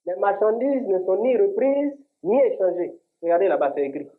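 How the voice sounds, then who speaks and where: A man's voice: sits high, sing-song, moderate pace. Defensive Ivorian shopkeeper man. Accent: Ivorian French. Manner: defensive, stubborn. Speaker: shopkeeper in a comedy sketch. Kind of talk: scripted comedy sketch. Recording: tinny lo-fi audio.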